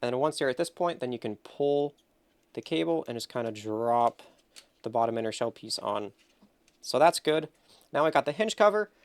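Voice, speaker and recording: Sounding congested and nasal because he feels under the weather, the host of a console-building channel talks through a hands-on build in an upbeat, casual tutorial style. His mid-range voice is expressive at a moderate pace, with a clean tone and no room sound.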